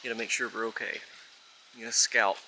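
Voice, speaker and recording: A man on a farm chatting casually and talking baby talk to his cat in a soft, doting way. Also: mid-range voice, fairly even intonation, quick pace, background noise. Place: outdoors on a farm.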